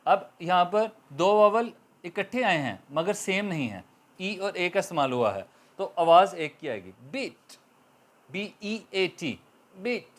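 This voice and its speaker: A man with a Pakistani accent teaches grammar in a patient classroom manner. His voice sits high, and he stretches each example word slowly and repeats it. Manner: slow, patient explanations with repeated drawn-out example words.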